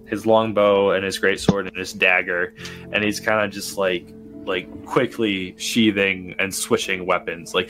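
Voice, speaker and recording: A man's voice: low-pitched, fairly bright tone. A man playing in a tabletop game, describing his character in a casual, rambling way. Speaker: player.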